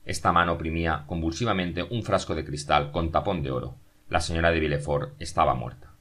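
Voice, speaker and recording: A man narrating a novel as an audiobook, in a steady, measured reading. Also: a bass voice.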